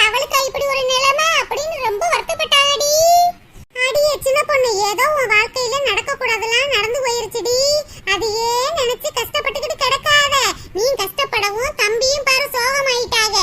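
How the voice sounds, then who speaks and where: A woman voicing a kind, motherly neighbor woman in a cartoon, talking in a soothing, reassuring, chatty way. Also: extremely high pitch. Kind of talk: cartoon voice acting. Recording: loud background noise.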